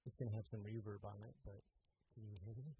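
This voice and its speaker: A cellist chatting casually to viewers on a live stream, relaxed and apologetic with many fillers, his voice run through a reverb effect that sounds like a big hall. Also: fairly low pitch, quick pace, slight background noise. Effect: reverb effect on his voice, like a big hall echo. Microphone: plugged into an audio interface input.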